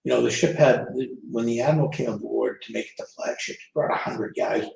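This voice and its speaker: A man's voice: mid-range voice, fairly quick, vocal fry, darkish tone. A man explaining things informally like a guide, a little hesitant and often correcting himself. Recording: echoey room.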